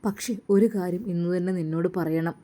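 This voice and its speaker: A loving, earnest young husband from a storybook, voiced by a woman narrator. He speaks in long, gentle, heartfelt lines with a mellow tone. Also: lowish voice, fairly even intonation, fairly quick, natural voice.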